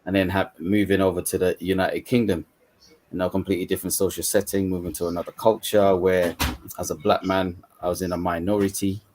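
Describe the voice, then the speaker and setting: A man with a very low voice speaks easily on a video call, drifting through his points in a relaxed, conversational way. He often fills gaps with "you know" as he goes. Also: fairly quick, slight background noise. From Uganda, then UK. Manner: casual, repeats "you know". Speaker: coach and mentor, panel guest. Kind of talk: online panel discussion.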